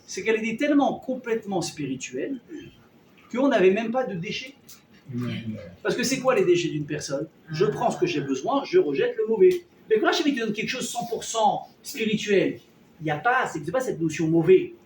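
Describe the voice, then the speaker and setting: A man teaching a lively Torah class to a live audience, acting out everyday dialogues and firing questions at his listeners. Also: high voice, normal speed. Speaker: rabbi teaching a weekly class. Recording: roomy hall, mic at a distance, faint noise.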